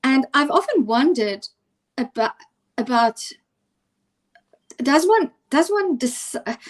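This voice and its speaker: Chatting on a video call, a teacher and co-host from South Africa speaks with an Afrikaans accent in a high-pitched, animated voice, taking things slowly. Her talk is hesitant, peppered with fillers and restarted sentences.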